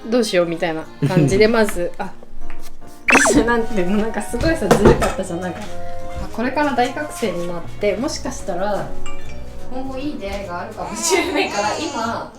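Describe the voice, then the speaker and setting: A woman's voice: medium pitch, expressive, fairly quick. A young woman in casual, informal chat, reminiscing in a giggly way with music behind her. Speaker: wife and mother co-hosting a couple's chat. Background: background music.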